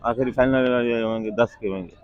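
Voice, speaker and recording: A man's voice: medium pitch, fairly even intonation, normal speed, clear, resonant tone, dry recording. A man, a seller giving casual haggling answers in short, repeated phrases. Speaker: cattle seller. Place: outdoor livestock market. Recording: slightly muffled, away from the microphone.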